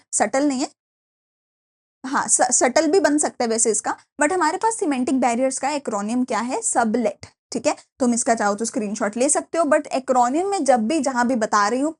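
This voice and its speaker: A young woman teaching a class in a lively, chatty way, mixing in English phrases. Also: sits high. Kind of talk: classroom lecture.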